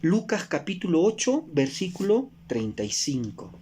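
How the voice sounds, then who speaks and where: A man from Peru with a Peruvian Spanish accent preaching a sermon, asking rhetorical questions and moving between emphatic rises and soft drops. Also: sits high, sing-song, normal speed, a little hiss or hum.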